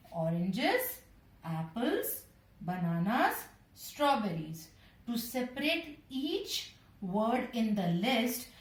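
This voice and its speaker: A primary school teacher with an Indian English accent and a slightly high voice explains punctuation slowly and patiently to young children, speaking straight to them. She's off-mic and distant, in an echoey room.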